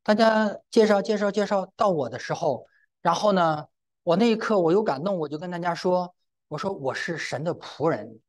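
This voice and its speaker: A man's voice: sits high, a little fast. A middle-aged man preaching a sermon and telling a personal testimony. He speaks to the congregation directly and often breaks in with exclamations.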